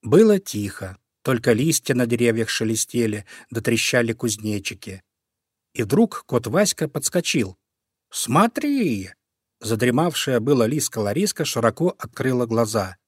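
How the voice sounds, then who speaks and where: A man narrating a children's storybook in a calm, expressive manner. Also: mid-range voice, moderate pace, slightly rough, dry recording, studio quality. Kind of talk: storybook reading.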